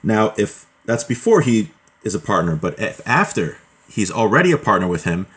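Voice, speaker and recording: Reading Hebrew passages and then breaking them down in plain English, this man teaches Torah law in a voice on the low side at a moderate pace. His delivery is easygoing, peppered with fillers and frequent self-corrections.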